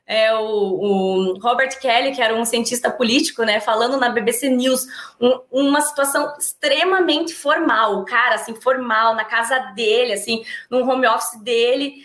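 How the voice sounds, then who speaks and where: A woman professor talking in a lively class discussion, often adding tag questions and acting out quoted lines. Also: on the high side, moderate pace, echoey room. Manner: animated, tag questions, acts out quoted speech. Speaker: university professor.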